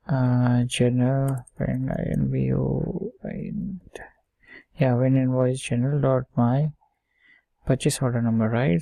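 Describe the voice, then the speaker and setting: Gravelly and warm, a man's mid-range voice guides a step-by-step screen-share coding lesson with no echo. The software tutorial instructor speaks informally, muttering as he types and often tacking on "okay" or "right" to check in.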